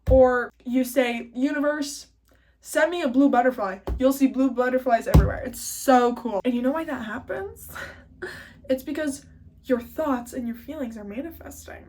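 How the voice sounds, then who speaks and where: A woman giving a casual self-help lesson in a chatty, excitable way, swearing freely. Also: sits high, moderate pace, slight background noise.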